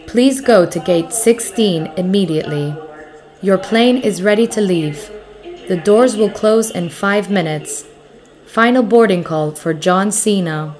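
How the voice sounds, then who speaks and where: A woman reading scripted airport announcements in a formal, measured manner, repeating key details. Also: medium pitch, a little mellow, faint music behind.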